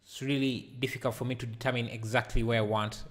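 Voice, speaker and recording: A man's voice: medium pitch, level tone, fast talker, a bit bright. A man in his thirties streaming a live 3D art session, thinking aloud with many fillers and answering chat as he works. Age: 30s. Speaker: livestreaming 3D artist. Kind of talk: casual live tutorial, reading chat aloud. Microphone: headset microphone.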